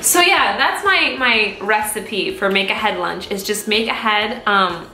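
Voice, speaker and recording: A woman's voice: medium pitch, expressive, unhurried, bright, forceful tone, echoey room, a little hiss or hum. A woman in her twenties chatting casually and rambling through a cooking vlog in a small home kitchen, recorded on a close camera mic. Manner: chatty, rambling, self-mocking. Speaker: vlogger.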